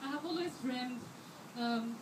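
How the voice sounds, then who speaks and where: This Rwandan woman in her twenties, a scholarship student, speaks at a measured pace in a high voice during an earnest fundraiser speech with many fillers and restarts. Her handheld microphone is held too far away, and the echoey event hall adds distance and background noise.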